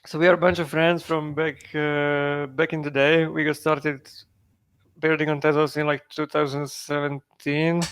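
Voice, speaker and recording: Founder, male, higher voice, monotone and rambling, close dry mic. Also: moderate pace, clear, resonant tone, no room sound. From Czechia. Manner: rambling, many fillers and restarts. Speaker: project founder. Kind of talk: casual interview answers.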